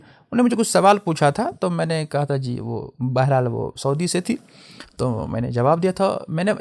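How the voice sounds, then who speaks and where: A young man delivers a religious lecture in a noticeably high voice. He explains each term with care and contrasts how words are pronounced. He slips into English phrases as he teaches. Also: vocal fry, a little mellow. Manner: explanatory, switches into English mid-sentence; spells out and contrasts word pronunciations. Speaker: Islamic teacher.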